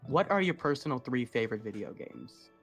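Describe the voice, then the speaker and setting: A man's voice: mid-range voice, lively intonation, fairly quick, soft background music. A man co-hosting a podcast, asking questions in a rambling, casual way. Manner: rambling, filler-heavy. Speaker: podcast co-host.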